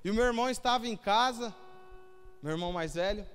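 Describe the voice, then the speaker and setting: A man's voice: high-pitched, fairly quick, clean tone. A young man giving an emotional sermon testimony, telling his story with quoted dialogue. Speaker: preacher. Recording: hall reverb with faint music.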